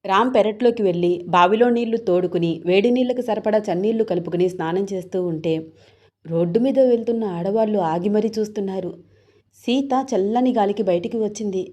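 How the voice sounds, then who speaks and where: A woman narrating a romance story in a smooth, even storytelling manner. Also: mid-range voice, brisk.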